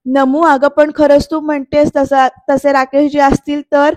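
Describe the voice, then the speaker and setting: Brief: cautious, caring mother who speaks softly, read by a woman. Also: high-pitched, little pitch movement, a little slow, no echo.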